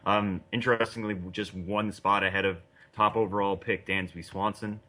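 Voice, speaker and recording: A man with a lowish, sharp-toned voice co-hosts a sports podcast as a baseball analyst. He speaks at a moderate pace with little pitch movement, giving easygoing, slightly hesitant casual analysis.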